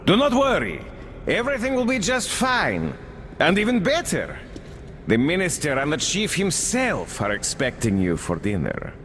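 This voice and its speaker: An actor playing a smug, mocking cannibal leader who talks like a polite official, in a video game. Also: male voice, on the high side, huge pitch swings, moderate pace, fairly bright tone, long reverb tail, a little hiss or hum. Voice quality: mocking, smooth and theatrical.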